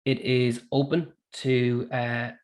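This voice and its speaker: Casting: male Irish webinar presenter, medium pitch, informal explanatory delivery. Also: level tone, slow, a little mellow.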